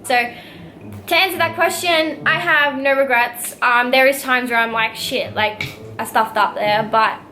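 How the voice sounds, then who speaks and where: Here the same kind of casual Q&A vlog comes from a bubbly, giggly Australian woman of nineteen, full of "like" and fillers. Her high voice has a sharp tone and a measured pace, set over soft background music in a low-quality recording.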